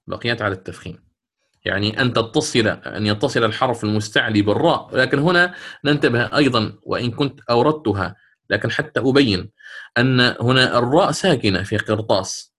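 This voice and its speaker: A man teaching a Quran recitation lesson, explaining patiently, repeating key points, checking that students follow, and chanting quoted verses slowly. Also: mid-range voice, fairly bright tone. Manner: hedging, checks understanding with "tamam?". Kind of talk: online tajweed lesson.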